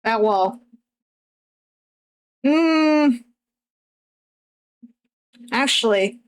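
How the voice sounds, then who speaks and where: A woman streamer chatting casually while she draws, hesitant and self-conscious, with many pauses and fillers. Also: fairly high pitch, animated, poor audio. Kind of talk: casual chat while drawing.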